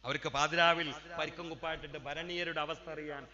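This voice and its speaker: High-voiced Malayali preacher in an echoing hall. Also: male voice, little pitch movement, a crowd in the background. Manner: swings from chatty asides to loud chanted, drawn-out declamation. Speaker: madrasa preacher. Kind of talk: Islamic sermon. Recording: dull lo-fi sound with long hall reverb.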